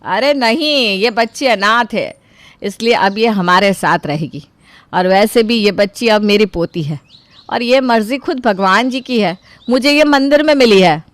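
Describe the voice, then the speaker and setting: A woman's voice: medium pitch, lively intonation, measured pace, dry recording, close to an everyday voice. A woman playing a stubborn bossy grandmother. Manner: commanding and scolding. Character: doting, stubborn old grandmother ruling the house. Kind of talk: voiced storybook character.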